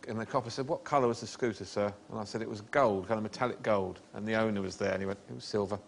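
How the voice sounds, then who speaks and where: A man rattles through a wry anecdote at a brisk clip, his delivery dry and matter-of-fact. He sounds like a comedy panel guest with faint room noise around him. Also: fairly low pitch, steady tone, vocal fry. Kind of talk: anecdote telling.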